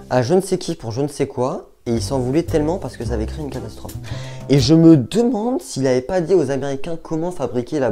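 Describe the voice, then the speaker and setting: Chatty young French man, mellow voice. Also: mid-range voice. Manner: chatty, thinks aloud, hesitant. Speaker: youtuber. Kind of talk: casual vlog chat.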